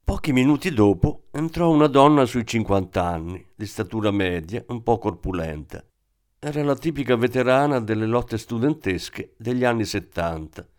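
Casting: male audiobook narrator, steady mid-pitched read. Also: moderate pace. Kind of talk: scripted narration.

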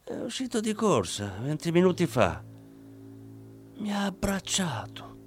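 A frail elderly mother in a shawl, as a male narrator puts her on, her voice lifted high and drawn out slowly, sometimes sinking to a hush. She sounds worn out and fragile. Faint music plays underneath. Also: big pitch swings. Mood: weary. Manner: high, slow, fragile and hushed.

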